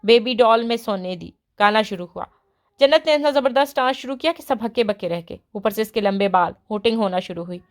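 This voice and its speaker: A woman narrating a romance novel as an audiobook in an expressive storytelling manner. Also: mid-range voice.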